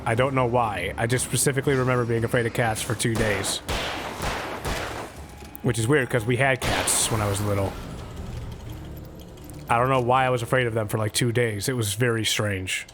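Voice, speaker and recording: A young adult man streams a game live, rambling through sarcastic, profane jokes while he plays. His mid-range voice keeps a steady tone at normal speed with frequent pauses, and there's background noise.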